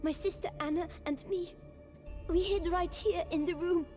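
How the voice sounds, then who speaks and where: A woman voicing a frightened little orphan boy who stammers and speaks in hushed, trembling bursts, in a video game. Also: very high-pitched, steady tone, normal speed, soft background music. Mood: shaken.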